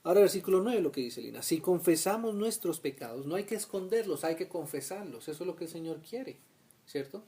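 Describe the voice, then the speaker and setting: A Colombian man leads a conversational Bible study in a high, animated, brisk, mellow voice. He keeps asking "¿cierto?" to check in with his listeners and acts out little everyday scenes as he teaches.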